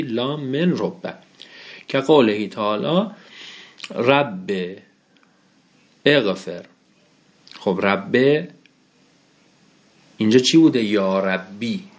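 A male teacher in the middle of a grammar lesson. He puts questions to the class and answers them himself. He slows down to read Arabic phrases before explaining them. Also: mid-range voice. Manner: lively explaining, asks and answers his own questions; reads Arabic textbook phrases slowly, then explains them.

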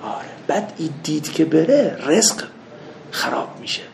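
A man teaching a seminary lesson, mixing anecdotes with doctrine, swinging from loud rebukes to soft asides. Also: fairly high pitch, very animated, creaky, a little hiss or hum. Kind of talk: religious lecture with anecdotes. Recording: echoey room with faint ambience.

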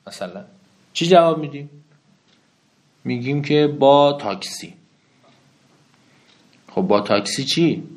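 A man teaching a grammar lesson at an ordinary middle pitch. His voice rises and falls a lot as he walks through each point. He keeps asking the listener questions to lead them along. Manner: explains step by step with many questions to the listener; lively, swinging pitch.

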